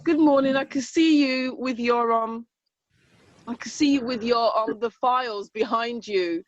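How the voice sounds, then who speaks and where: A woman with a high voice co-hosts a casual video call, effusive and chatty as she greets everyone. Her sound is dry and a little dull, like laptop call audio. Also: unhurried, no room sound. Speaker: co-host.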